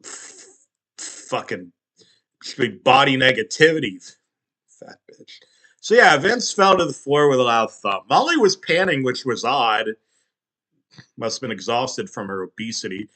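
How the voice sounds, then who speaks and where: A man's voice: medium pitch, sing-song, measured pace, pauses often, bright, forceful tone. A man narrating a parody creepypasta with crude, sarcastic, profane asides.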